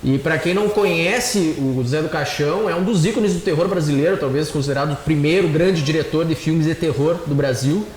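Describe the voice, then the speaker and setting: A man, a panelist on a casual show, relays news in a relaxed way. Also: fairly high pitch, a little fast, few pauses, roomy sound, a little hiss or hum. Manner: relaxed newsy delivery.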